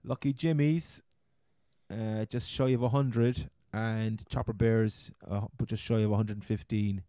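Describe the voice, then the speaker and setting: A podcast host from Cork, Ireland, rambles through casual fantasy football chat, often repeating his words. His voice is lowish, steady and mellow at a measured pace, recorded dry and clean in a studio.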